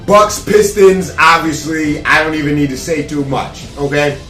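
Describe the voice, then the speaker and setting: A man's voice: fairly high pitch, moderate pace, sharp tone, echoey room, faint music behind. A man casually giving sports playoff predictions to camera, brash and rambling, with plenty of trash talk and fillers. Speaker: sports vlogger.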